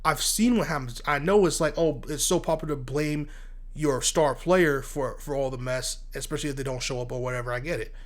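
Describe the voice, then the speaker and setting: A sports commentary host does casual solo sports talk, his mid-range voice congested from asthma and allergies. Speaking fairly quickly, he's blunt and animated, stumbling and repeating words as he gets worked up.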